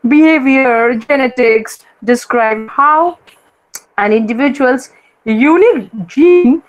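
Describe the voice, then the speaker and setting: A woman's voice: high voice, takes it slowly, rough recording. A woman lecturer with an Indian English accent teaching a class, repeating her points and often asking students whether they follow.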